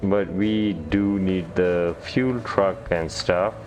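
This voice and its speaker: A man giving relaxed gameplay commentary, thinking aloud with hesitant restarts. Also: low-pitched, takes it slowly, soft background music. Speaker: gamer.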